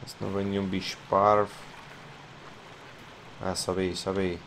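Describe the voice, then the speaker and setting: Excitable Portuguese gamer yelping at scares. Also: male voice, deep voice, a little slow. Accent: European Portuguese. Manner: excitable, yelps and swears at jump scares, mutters to himself. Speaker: gamer playing a horror game. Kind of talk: let's play commentary. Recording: clear game noise behind voice.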